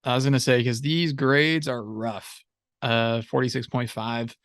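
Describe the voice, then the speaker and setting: A man's voice: medium pitch, level tone, a little slow, no echo, studio quality. A young man co-hosting a football podcast, talking casually and sarcastically with lots of fillers. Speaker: podcast co-host.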